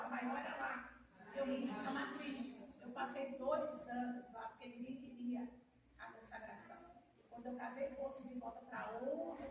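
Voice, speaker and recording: A woman's voice: high voice, background noise. A Brazilian woman missionary giving an emotional testimony sermon, calling out to her listeners as brother and sister. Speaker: missionary preacher. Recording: very echoey, mic far off.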